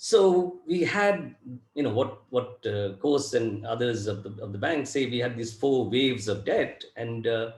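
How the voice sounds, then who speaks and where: A man's voice: medium pitch, animated. Man on an echoey video call. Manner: halting, many restarts and fillers. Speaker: panelist economist. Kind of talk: academic panel talk.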